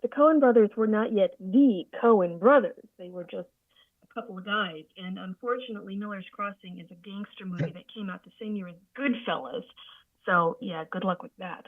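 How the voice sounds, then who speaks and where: A woman voice actor tells stories on a video call from her sofa at home, speaking casually but with lively theatrical flair. Her mid-range voice moves at a moderate pace through a tinny, phone-like line, dry and close with no room sound.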